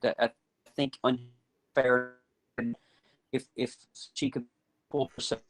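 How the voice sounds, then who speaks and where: A man talking as a guest over a phone call, halting and repeating words, his audio choppy and breaking up from a poor connection. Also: medium pitch, flat delivery. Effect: choppy connection audio, breaking up and stuttering. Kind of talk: casual chat over a live call. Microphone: phone on a live call.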